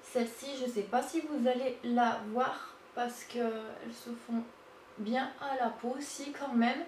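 A woman giving a casual makeup swatch demo, halting with many fillers and gushing over the colors. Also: a little high, fairly even intonation, darkish tone. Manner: hesitant, lots of fillers, gushing. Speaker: beauty vlogger. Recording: echoey room, mic at a distance, faint hiss.

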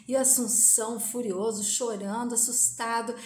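A woman's voice: on the high side, steady tone, normal speed, darkish tone. A woman with a Brazilian Portuguese accent retelling a soap opera episode in a plain running way. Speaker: soap opera recap narrator. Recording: echoey room.

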